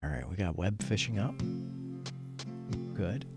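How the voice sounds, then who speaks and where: Over loud music, this livestream host talks in a low-pitched, creaky, expressive voice without hurrying. He chats in an upbeat, casual way during a gaming stream, frequently muttering to himself as he gets things set up.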